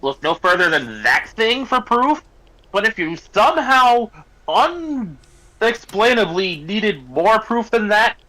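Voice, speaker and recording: A man's voice: sits high, big pitch swings, slow, bright, forceful tone, low-quality recording. A man streaming a game and giving casual, chatty commentary. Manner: chatty, conversational.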